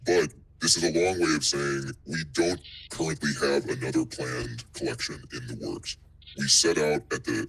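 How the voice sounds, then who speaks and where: Man through a deep pitch-shifting voice changer. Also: fairly bright tone, slightly rough, rough recording. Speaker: NFT art project representative answering questions. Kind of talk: casual online Q&A answers.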